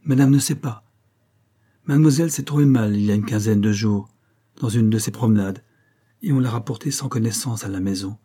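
A gossipy, gullible woman concierge, voiced by a man reading a novel. She chatters effusively in a low, husky voice with a dark tone. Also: fairly quick.

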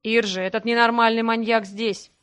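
A woman's voice: on the high side, flat delivery, moderate pace, fairly bright tone, clean tone, close to an everyday voice. A woman voicing a caring male nobleman who talks firmly and soothingly. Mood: reassuring.

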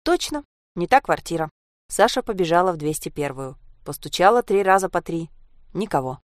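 A woman narrating a story aloud in an even, storytelling manner. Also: on the low side, normal speed, no echo, studio quality. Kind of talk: audiobook story reading.

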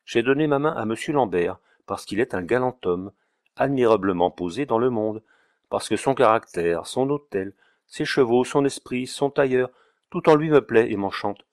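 A man's voice: medium pitch, expressive, normal speed, a little mellow, no room sound, studio quality, lightly acted. A man voicing a vain, headstrong young society bride who speaks in a declamatory way. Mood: indignant.

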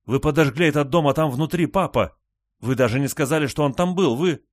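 A man's voice: a little high, a little fast, no echo, studio quality, voice pushed up, close to an everyday voice. A man voicing a panicked woman in an audiobook, pleading shrilly and frantically. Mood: frantic.

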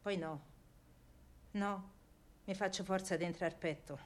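In a first-person radio drama monologue in Roman dialect, an actress voices a feisty working-class woman of wartime Rome, earthy and colloquial. Her mid-range voice is lightly acted, fairly even in intonation and measured in pace, with a hushed, grief-stricken mood.

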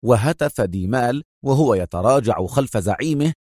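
A man reading dramatic audiobook narration in a measured storytelling way. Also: medium pitch, expressive, darkish tone, no room sound, studio quality.

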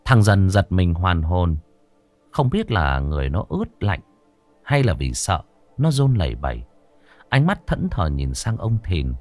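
Man, ghost story narration, low voice, lively delivery, faint music. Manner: dramatic, expressive storytelling. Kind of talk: scripted horror narration.

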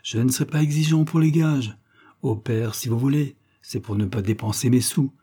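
A man voicing a shrewd middle-aged detective disguised as a gardener, speaking in an assured, deliberate way in an audiobook. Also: medium pitch, warm tone, husky, lightly acted. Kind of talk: audiobook character voice.

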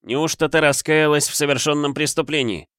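A man's voice: on the high side, fairly even intonation, fairly quick, fairly bright tone, clean tone, dry recording, studio quality, pitched above the performer's own voice, close to an everyday voice. A man voicing a bitter eleven-year-old boy who speaks harshly and accusingly.

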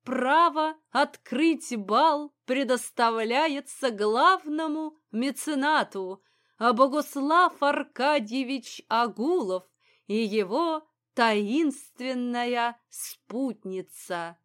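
A woman's voice: sits high, expressive, drawn-out words, a bit bright, exaggerated voice. Woman doing a pompous gushing announcer. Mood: grandiose. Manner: pompous, declaiming, drawn out. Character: gushing male ball announcer, self-important.

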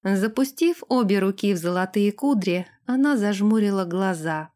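Woman reading a fantasy audiobook, even steady storytelling. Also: mid-range voice, moderate pace. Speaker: narrator. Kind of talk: scripted audiobook narration.

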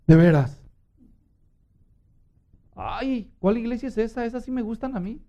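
A man's voice: very high voice, animated, mellow, muffled recording, heavily acted. A man putting on a curious teasing wife. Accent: Mexican. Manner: teasing, quick questions. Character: curious wife questioning her husband.

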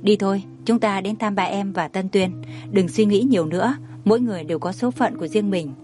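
A woman voicing a stern but gentle young man in a storybook reading, speaking calmly. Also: mid-range voice, brisk, soft background music, natural voice. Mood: reassuring.

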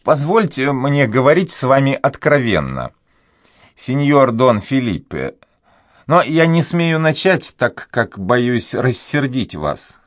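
A man voicing an elderly devout Spanish duenna who pleads and sighs, raising his voice high for her. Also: big pitch swings, takes it slowly, no echo, studio quality. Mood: earnest pleading. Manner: sighing, pleading, high raised voice. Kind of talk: audiobook character reading.

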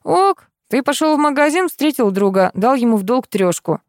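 A woman's voice: high-pitched, sing-song, normal speed, dry recording, studio quality, voice pushed up. A woman doing a brash, crafty loader. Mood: cocky. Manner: cocky, haggling, rough slang.

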